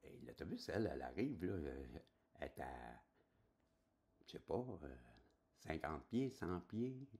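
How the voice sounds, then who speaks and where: A man's voice: extremely low pitch, big pitch swings, unhurried, long pauses, darkish tone. A man in his sixties with a Québécois accent, telling a personal story in a rambling, chatty way and checking that viewers follow. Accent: Québécois French. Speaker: spiritual channel host.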